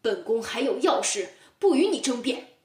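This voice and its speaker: A man's voice: extremely high pitch, very animated, moderate pace, roomy sound, recorded from a distance. A woman voicing an arrogant young male noble in a children's storybook tale, haughty and blustering.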